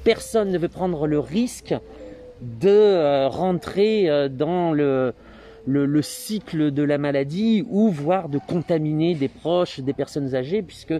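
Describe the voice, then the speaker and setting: A man's voice: mid-range voice, dark tone, slight background noise. A man with an accent from France, speaking informally and hesitantly as an interviewer, his voice slightly muffled by a mask. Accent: French from France. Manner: conversational, hesitant delivery. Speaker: interviewer and reporter. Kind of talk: informal on-location introduction and interview.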